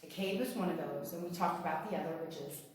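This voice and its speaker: Deep inside a large underground cave, a woman with a lowish voice leads a tour at a quick pace. She speaks informally and folksily as she shows her group around, chatting away and calling them "you guys." The cave's long reverb echoes around her, with faint noise present.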